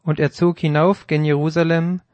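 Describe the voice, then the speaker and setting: A man narrating an audio Bible in steady, measured archaic German prose, recorded on a close mic. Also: on the high side, no echo. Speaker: Bible reader. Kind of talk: scripted narration.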